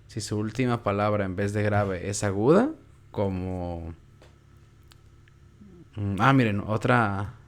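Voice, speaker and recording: A young man with a Mexican Spanish accent gives a relaxed, informal lesson. His voice sits somewhat low, and he explains patiently, repeating words aloud to show where the stress falls. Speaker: teacher. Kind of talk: casual online class.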